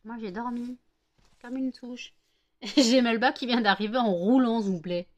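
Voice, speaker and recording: A woman's voice: a little high, steady tone, unhurried. A worn-out woman from France in a casual home vlog, cooing baby talk to her dogs after one hour of sleep. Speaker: vlogger.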